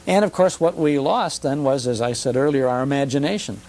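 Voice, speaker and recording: With a medium-pitched, slightly mellow voice and a slightly fast pace, this American guest in his fifties reminisces in a conversational TV studio interview. He's an old-time radio broadcaster and enthusiast who tells stories fluently, punctuated by short emphatic phrases and rhetorical questions. Faint hiss and hum reveal an older television broadcast.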